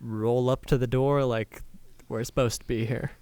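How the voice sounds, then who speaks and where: A man's voice: mid-range voice, steady tone, moderate pace, a little mellow, clean tone, no echo. A man playing a tabletop game, plainly explaining his moves. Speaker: player. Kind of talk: casual tabletop game play.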